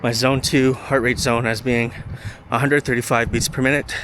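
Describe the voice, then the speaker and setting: A man talking casually to camera while out running, in short halting phrases. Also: mid-range voice, level tone, a bit bright. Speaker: running vlogger. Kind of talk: casual vlog talk to camera. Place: outdoors on a running route. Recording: outdoor street noise, passing cars. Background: traffic and outdoor ambience.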